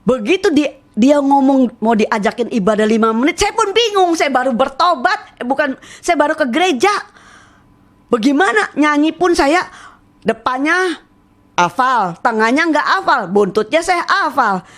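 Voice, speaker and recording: A woman giving a church testimony about her past as a shaman, telling it in a lively way and acting out the people she quotes. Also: sits high, normal speed. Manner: animated storytelling, acting out quoted voices.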